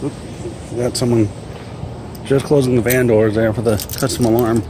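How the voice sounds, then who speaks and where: A man's voice: medium pitch, steady tone, moderate pace. A man giving casual, offhand running commentary, muttering to himself. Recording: clear background noise, vehicle ambience.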